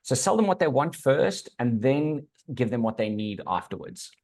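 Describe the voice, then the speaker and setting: A man's voice: medium pitch, very animated, moderate pace, darkish tone. A man with a South African accent, giving conversational business advice as a guest in an assured, instructive way. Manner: assured, instructive, checks in with "right". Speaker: business consultant, podcast guest.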